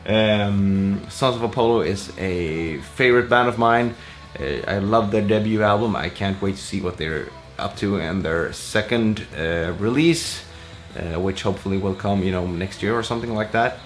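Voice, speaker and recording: A man, a musician, answering viewer questions in a relaxed, rambling way full of fillers. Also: fairly low pitch, moderate pace, faint music behind. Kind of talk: casual Q&A vlog.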